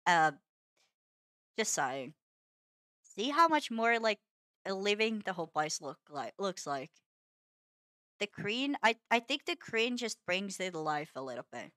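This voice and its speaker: A woman streamer talks over her gameplay at a slow, easy pace, musing aloud as she builds. She is soft-spoken and self-mocking, often stumbling over a word and repeating it. Her voice sits mid-range and sounds dry and close. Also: medium pitch, smooth, no room sound. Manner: muses aloud, repeats and trips over words. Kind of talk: casual gameplay commentary.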